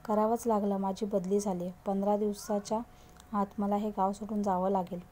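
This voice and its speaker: A remorseful grown man pleads and apologizes, his voice soft and mellow, as a woman reading a story puts him on. The reading stays close to an everyday voice, steady and earnest in tone. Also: mid-range voice, normal speed, a little hiss or hum, natural voice. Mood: pleading.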